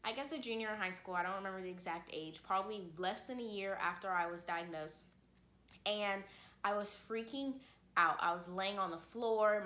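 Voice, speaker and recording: A woman's voice: medium pitch, bright, forceful tone, roomy sound. A young woman telling a personal story to her camera in a chatty way, often saying "like" and "literally". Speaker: vlogger.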